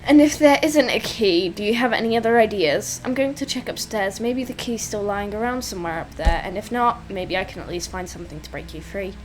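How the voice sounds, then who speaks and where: A woman's voice: medium pitch, brisk, hardly any pauses, slight background noise, low-quality recording. A young woman giving casual gameplay commentary, blunt, sweary and exclamatory as she talks through what is on screen. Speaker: gameplay streamer. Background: faint game music.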